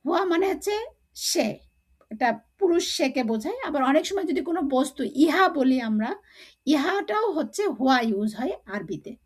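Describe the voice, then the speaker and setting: Female teacher, high voice, patient drilling of vocabulary, lesson delivery. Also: expressive. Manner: slow drilling recitation, repeating words for learners. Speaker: Arabic teacher. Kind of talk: online language lesson.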